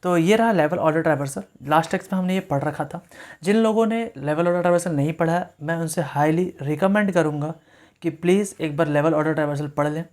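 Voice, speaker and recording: A young man teaching a coding lesson, walking through each step and often checking in with a quick question while mixing English words into his Hindi. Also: on the high side, a little mellow. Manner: repeats steps, checks in with frequent "right?". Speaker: coding tutor. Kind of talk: whiteboard coding lecture.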